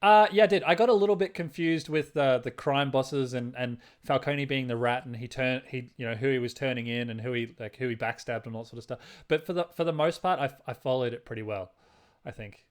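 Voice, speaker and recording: A man's voice: medium pitch, a little fast. A man co-hosting a podcast, chatting casually about a film, stumbling and restarting often and humming tunes aloud. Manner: hesitant, many restarts, hums tunes aloud. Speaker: podcast co-host.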